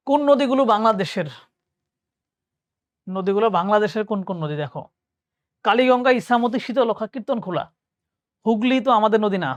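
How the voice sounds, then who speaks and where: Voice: mid-range voice, dry recording. A young adult teacher with a Bangladeshi Bengali accent, reading exam questions aloud and answering each one step by step, often thinking aloud and correcting themselves. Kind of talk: admission exam lesson.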